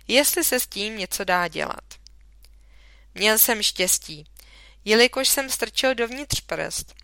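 Bright, expressive female storyteller. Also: medium pitch, clear, resonant tone, dry recording. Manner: lively, expressive reading. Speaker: audiobook reader. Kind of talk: storybook narration.

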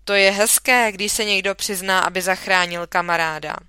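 A woman voicing a stern, angry male schoolteacher who scolds loudly, in a storybook reading. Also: medium pitch, fairly even intonation, clear, resonant tone, no room sound, lightly acted. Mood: mild. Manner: shouting, scolding.

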